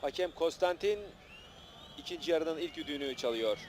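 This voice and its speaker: A man's voice: fairly high pitch, moderate pace. A man giving live television football commentary in short, clipped play-by-play phrases. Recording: noisy old match broadcast, outdoor stadium.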